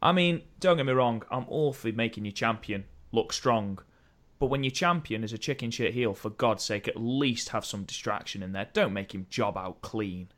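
A man co-hosting a podcast, chatting casually about wrestling in an animated, opinionated way that slides into rants. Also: medium pitch, normal speed. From United Kingdom. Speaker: podcast co-host.

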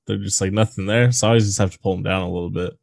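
A man's voice: low-pitched, fairly even intonation, very fast, gravelly, a little mellow, dry recording, studio quality. A man co-hosting a casual movie podcast, crude and joking, rambling with fillers. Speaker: podcast co-host.

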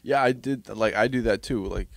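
A man's voice: on the low side, normal speed, creaky, dry recording. A young man chatting casually, telling stories animatedly and acting out the lines of the people in them. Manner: animated storyteller, acts out dialogue. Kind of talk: casual chat.

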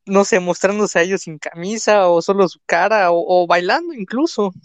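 This young man is a Mexican content creator with a Mexican Spanish accent, casually chatting on a live stream in a rambling way, with lots of fillers and restarts. His voice sits high and he speaks at normal speed, in a dry recording.

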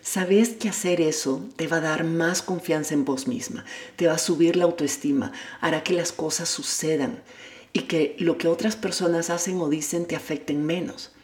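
Candid and self-deprecating, this woman, a life coach and podcaster whose native language is Spanish, speaks straight to the listener in a motivational monologue. Her voice is low and a little mellow, echoing around the room; she is an adult who has a child at home.

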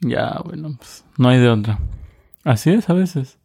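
A man's voice: mid-range voice, measured pace, vocal fry, breathy edge. A man co-hosting a podcast, chatting casually with jokes and rambling asides. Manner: relaxed, joking, rambling. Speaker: podcast co-host. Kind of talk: casual chat.

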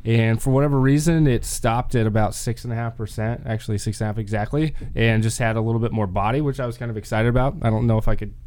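A man appearing as a guest homebrewer on a casual podcast, easygoing and halting, pausing often with fillers. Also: medium pitch, steady tone, a little mellow. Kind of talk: casual chat.

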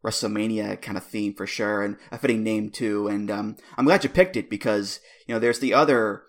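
Male host, casual and wry, lowish voice. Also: steady tone, fairly quick. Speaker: podcast host. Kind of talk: casual chat.

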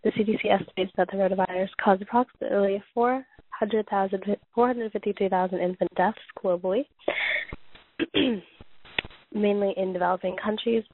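Hoarse woman reading notes over a tinny line. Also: medium pitch, fairly even intonation. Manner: halting reading with frequent restarts and throat clearing. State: losing her voice, coughing. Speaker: podcast host reading points on a topic. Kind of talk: reading prepared notes aloud. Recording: tinny phone-like audio.

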